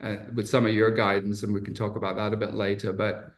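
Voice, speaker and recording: A man's voice: lowish voice, little pitch movement, quick pace. A man from England, a podcast guest and entrepreneur, speaking candidly and reflectively in casual conversation, with frequent fillers and restarts.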